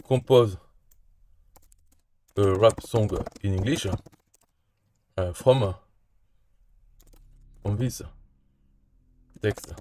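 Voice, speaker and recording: A man's voice: fairly low pitch, very slow, long pauses, dark tone, a little hiss or hum. A man talking through a casual screen tutorial, hesitant, with frequent fillers and restarts. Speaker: tutorial presenter.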